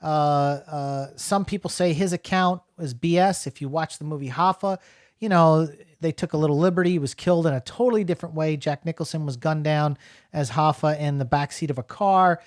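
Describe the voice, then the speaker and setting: A man's voice: on the high side, a little fast, no echo, clean studio sound. A middle-aged man from New Jersey giving a casual, rambling spoken film review, full of fillers and restarts.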